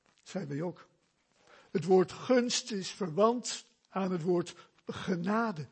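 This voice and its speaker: A man preaching a sermon in a church, slow and emphatic, asking rhetorical questions. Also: sits high, animated, breathy edge. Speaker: pastor.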